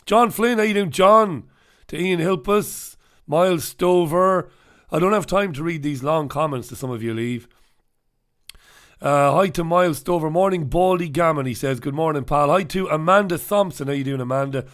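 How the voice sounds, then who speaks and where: A man's voice: on the high side, normal speed, a bit bright. A man with a head cold, hosting a casual live stream where he reviews the newspapers, with sardonic, jokey asides. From United Kingdom. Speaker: host.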